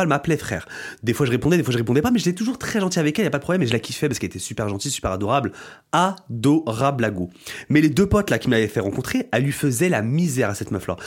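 A young man telling stories in a casual slangy monologue, animated and swinging into loud indignation. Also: medium pitch, breathy edge. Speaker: podcast host.

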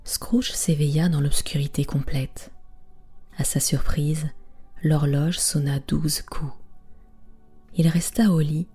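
A woman in whispered bedtime storytelling, reading aloud in a soft, hushed way. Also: low voice, steady tone, takes it slowly, pauses often, husky, soft background music.

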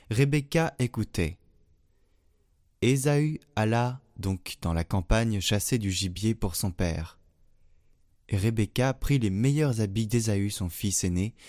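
A man giving a solemn liturgical scripture reading in a slow, measured way. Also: on the low side, a little mellow, no room sound. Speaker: scripture reader. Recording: dry, faint music behind.

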